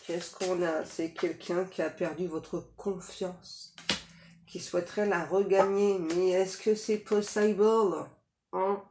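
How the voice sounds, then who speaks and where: A woman's voice: mid-range voice, dark tone. Chatty woman giving a psychic reading. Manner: chatty, full of fillers and tag questions. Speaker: psychic reader. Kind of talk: casual tarot reading to viewers. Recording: echoey room, faint noise.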